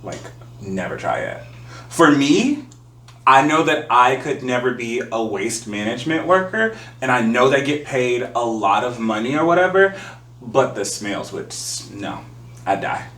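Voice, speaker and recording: A man's voice: medium pitch, very animated, unhurried, fairly bright tone, recorded from a distance. A man co-hosting a casual chat podcast, playful and teasing as he asks the questions. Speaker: podcast co-host. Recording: roomy, off-mic, faint hum.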